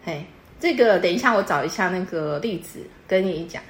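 A woman's voice: lowish voice, lively intonation, fairly quick, a little hiss or hum. A woman, patiently explaining customs to a guest in casual chat and quizzing her as she goes. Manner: patient, teacherly, quizzes the listener. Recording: echoey room.

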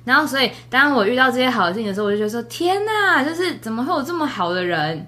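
A woman's voice: a little high, rapid-fire. A young woman co-hosting a podcast, telling a story in a casual way, laughing often and acting out what people said. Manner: animated, laughs often, acts out quoted dialogue. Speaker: podcast co-host.

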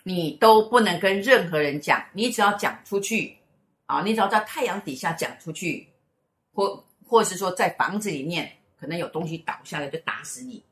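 A middle-aged woman with a Taiwanese Mandarin accent tells a story in casual chat, slipping into the voices of its people. Her voice sits a little low. The room around her rings with echo. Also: moderate pace. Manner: animated storyteller who acts out quoted speech. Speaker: host, mother.

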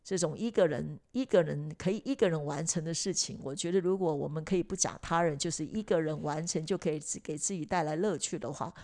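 Gravelly-voiced woman chatting reflectively. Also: deep voice, fast, hardly any pauses, dark tone. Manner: reflective, chatty, many fillers and restarts. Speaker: podcast host. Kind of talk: casual chat.

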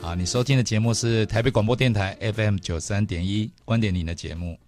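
A middle-aged man with a Taiwanese Mandarin accent talks quickly and eagerly on a radio show, his voice on the low side. He tells stories with energy, and soft music plays behind him. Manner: fast, animated storytelling with laughs. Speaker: radio host. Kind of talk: casual radio chat. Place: radio studio.

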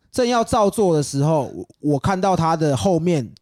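A man's voice: fairly high pitch, animated, normal speed, a little mellow, no room sound, clean studio sound. A young man with a Taiwanese Mandarin accent co-hosting a podcast, telling crude stories with lots of swearing and laughter. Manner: laughs often, swears, retells stories with acted quotes. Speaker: podcast co-host. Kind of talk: casual crude chat.

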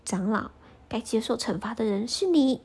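A bright, bold little boy monk, not yet ten, clever beyond his years, put on by a woman telling a storybook tale. His voice sits high and a little breathy, with a mellow edge. He sounds like a child who is sure of his own wit. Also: expressive, moderate pace. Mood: triumphant.

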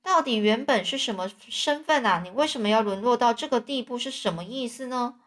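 A brash old conman-preacher who brags and scolds, played by a woman reading a storybook aloud. The voice sits a little high and runs at an even pace. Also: fairly quick, close to an everyday voice. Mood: impatient. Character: boastful old male swindler preacher.

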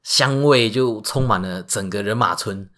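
A man with a Taiwanese Mandarin accent, hosting a podcast and retelling myths in a lively, joking way. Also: fairly low pitch, measured pace. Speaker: podcast host. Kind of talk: casual storytelling podcast.

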